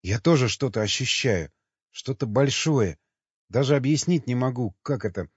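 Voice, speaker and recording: A man's voice: medium pitch, lively intonation, normal speed, slightly rough, no room sound. A man voicing a stubborn, brash young male fighter, in an audiobook. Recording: dull lo-fi audio with faint music.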